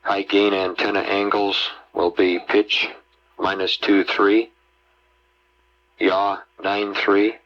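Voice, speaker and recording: American male, space-mission radio communicator. Low, flat delivery, measured read-outs, dull lo-fi archival transmission. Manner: clipped, measured, reading out figures digit by digit. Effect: space mission radio link. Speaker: mission control capsule communicator. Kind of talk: astronaut radio talk, procedural read-out.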